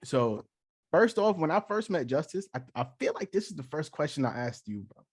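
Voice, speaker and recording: A man's voice: on the high side, big pitch swings, fairly quick, breathy edge, no room sound, clean studio sound. A man with a Queens, New York accent hosting a casual podcast chat in heavy, profane slang. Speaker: podcast host.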